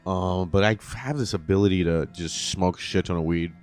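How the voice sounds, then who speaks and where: Low-voiced joking man in his thirties. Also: a little fast, a little mellow, soft background music. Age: 30s. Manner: jokey, drifts into silly bits. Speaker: guest comedian. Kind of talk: casual chat in a bar. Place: bar.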